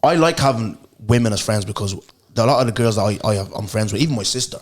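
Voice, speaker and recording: A man hosting a casual podcast, playful and teasing with quick interjections. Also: on the low side. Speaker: podcast host.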